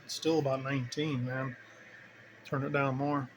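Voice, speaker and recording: A man casually showing his radio setup, talking in a relaxed, rambling way as he thinks aloud. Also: mid-range voice, normal speed, noisy background. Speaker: CB radio hobbyist vlogger. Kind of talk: casual hands-on demo.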